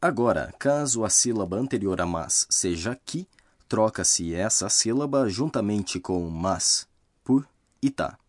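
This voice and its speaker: A man narrating a scripted language lesson, explaining grammar rules slowly and carefully. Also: on the low side, animated, dry recording.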